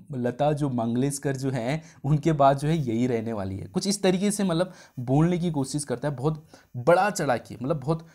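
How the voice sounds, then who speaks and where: A man's voice: a little high, mellow. Chatty male exam tutor. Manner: chatty, explains with homely examples and asides. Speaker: exam prep teacher. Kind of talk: casual spoken lesson.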